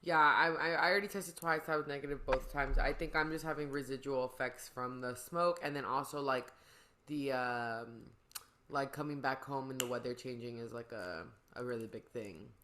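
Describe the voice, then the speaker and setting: A woman's voice: very deep voice, moderate pace, background noise. A woman hosting a podcast, chatting casually in a rambling, slangy way. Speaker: podcast host. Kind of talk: casual chat.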